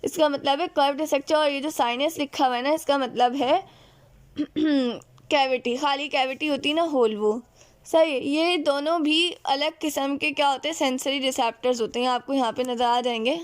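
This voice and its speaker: A woman, teaching a recorded biology lecture. She works through diagrams step by step, asks questions and answers them herself, and fills her pauses with "theek hai" and "achha bhai". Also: high voice, steady tone.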